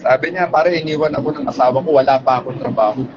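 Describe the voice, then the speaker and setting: A man with a medium-pitched voice speaks fast as he retells a police hostage story. He stays polite and conversational, often checking in with listeners through tag questions. The recording is muffled and lo-fi with faint background noise.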